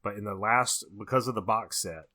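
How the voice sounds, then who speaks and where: On a horror movie podcast, a male co-host gives loose, opinionated takes on films, hammering his points by saying them again. He speaks briskly in a lowish voice with a sharp tone.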